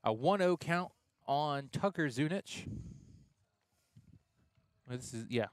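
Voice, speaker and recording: A man's voice: fairly high pitch, takes it slowly, no room sound, clean studio sound. Young man calling college baseball play-by-play. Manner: conversational, excited on big plays, self-correcting. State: has the hiccups. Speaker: play-by-play announcer.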